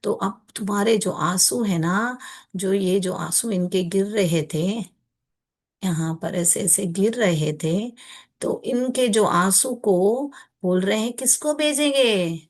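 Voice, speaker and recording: Female teacher, unhurried and coaxing, reads poem lines slowly for the kids. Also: mid-range voice. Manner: patient, coaxing, calls students "beta", slow recitation of poem lines. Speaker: school teacher. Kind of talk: online English poem lesson explained in Hindi.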